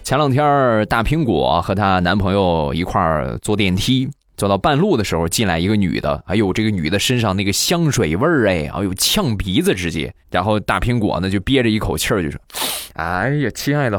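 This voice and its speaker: A man with a fairly low voice tells comic stories on his own show. He teases and acts things out, and his pitch swings widely. The sound is close and dry, with almost no room in it. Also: fairly quick, hardly any pauses, no echo. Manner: teasing, animated, acts out quotes. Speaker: comedy podcast host. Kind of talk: joke storytelling.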